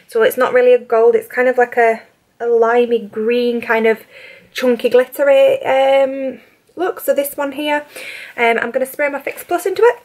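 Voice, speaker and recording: A woman in her twenties with a British accent, chatting casually through a makeup tutorial, rambling with lots of fillers. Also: fairly high pitch. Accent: British English. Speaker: beauty vlogger. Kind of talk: casual get-ready-with-me chat.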